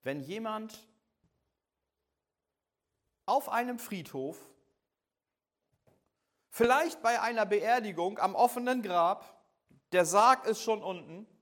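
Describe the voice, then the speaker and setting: A man's voice: sits high, lively intonation, slow pace, long pauses, fairly bright tone. German-speaking man preaching in a chatty way. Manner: conversational, asks the listener direct questions, acts out imagined voices. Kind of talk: sermon.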